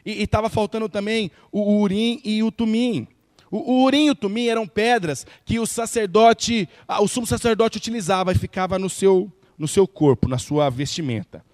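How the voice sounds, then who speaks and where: A man's voice: sits high, moderate pace, a little mellow, no echo, studio quality. A man with a Brazilian Portuguese accent, preaching a sermon in a church, earnest and emphatic, repeating key words. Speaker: pastor. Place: church sanctuary.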